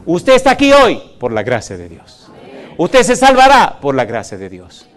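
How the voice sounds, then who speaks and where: A male pastor preaching in a church, often asking the congregation yes or no and swinging from loud emphatic lines to quiet asides. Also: on the high side, wildly swooping pitch, normal speed. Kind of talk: sermon.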